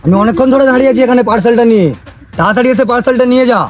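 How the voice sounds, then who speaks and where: A man's voice: extremely high pitch, rapid-fire. A man voicing a rude, pushy delivery man who talks brusquely and makes threats. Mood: impatient.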